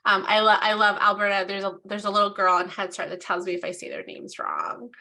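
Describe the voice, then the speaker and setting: A woman presenter speaks to an online session in a candid, upbeat way, slipping in quick asides. Her tone is bright and forceful. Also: medium pitch, expressive, gravelly. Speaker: presenter, parent.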